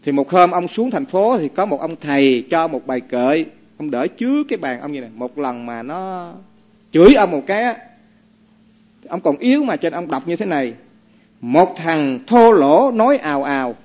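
A man's voice: a little high, big pitch swings, moderate pace, darkish tone, highs cut off. A man, a Buddhist monk giving a folksy dharma talk full of stories and asking his listeners to agree. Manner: folksy, asks the audience for agreement. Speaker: Buddhist monk teaching lay followers.

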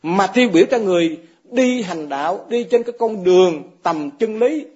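A man's voice: high-pitched, animated, moderate pace, warm tone, breathy edge. A man giving a dharma talk to fellow monks, asking his listeners questions and chuckling often. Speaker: Buddhist monk teaching fellow monks. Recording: dull lo-fi recording.

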